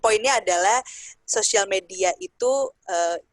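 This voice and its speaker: A woman's voice: medium pitch, unhurried, dry recording. A woman moderating a webinar, politely summing up the discussion and thanking the speakers. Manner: summarizing, polite.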